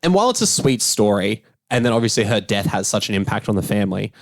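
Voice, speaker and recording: A man co-hosting a casual podcast as a film critic, talking in an animated, rambling way with restarts. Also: lowish voice, quick pace, vocal fry, no room sound.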